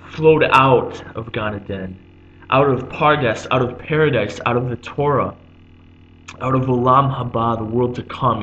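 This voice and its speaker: A man at an ordinary middle pitch gives an unscripted religious lesson. He pauses often on "um", restarts his phrases and explains each term again. The recording is dull and lo-fi, with a faint hum underneath. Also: fairly bright tone. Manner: halting, many "um"s, repeats and glosses terms. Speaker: religious teacher.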